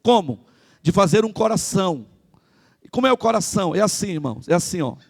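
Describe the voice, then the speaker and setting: Gravelly high-voiced Brazilian preacher. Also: male voice, fairly quick. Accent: Brazilian Portuguese. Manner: animated, calls out to the congregation. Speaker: pastor. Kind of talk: lively sermon. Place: church service.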